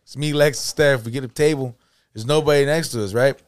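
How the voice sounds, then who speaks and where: A man's voice: mid-range voice, brisk, clear, resonant tone, no room sound, clean studio sound. A man telling a story in casual podcast chat, laid-back and slangy, acting out the people in it. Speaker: podcast co-host.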